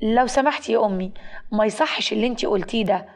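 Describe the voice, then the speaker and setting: A woman's voice: fairly high pitch, fast talker, close to an everyday voice. Woman voicing a stern young husband, Egyptian. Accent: Egyptian Arabic. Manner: curt and threatening.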